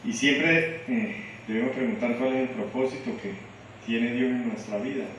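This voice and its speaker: A man's voice: mid-range voice, normal speed, fairly bright tone, slight background noise. Venezuelan man talking to the church, fervent, big echo, far from the mic. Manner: fervent, addresses the congregation. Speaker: church leader. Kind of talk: sermon. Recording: echoey church, distant mic.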